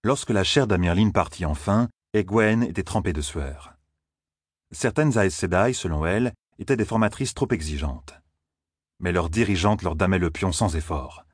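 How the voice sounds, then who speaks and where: A man narrating an audiobook in a measured, even storytelling manner. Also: sits low, breathy edge, no room sound, clean studio sound.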